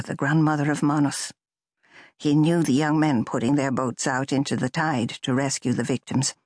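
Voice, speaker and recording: A woman narrating a novel in a measured, even storytelling manner. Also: sits low, dry recording, clean studio sound. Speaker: audiobook narrator. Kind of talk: scripted narration.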